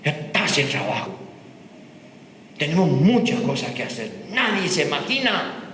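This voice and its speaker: A man's voice: fairly high pitch, sing-song, measured pace, a bit bright. A man preaching a sermon in a church, emphatic and prodding his listeners with rhetorical questions. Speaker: pastor. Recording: echoey church hall, faint noise.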